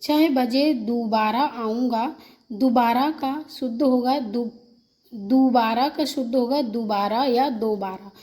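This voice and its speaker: A woman's voice: fairly high pitch, slow, dark tone. A woman teaching a Hindi spelling lesson for an exam, reading example sentences and then repeating each word in its correct form.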